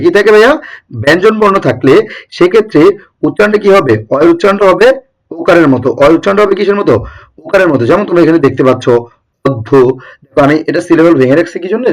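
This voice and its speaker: A young man teaching an exam-prep lesson, who keeps posing rhetorical questions and answering them himself. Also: sits high.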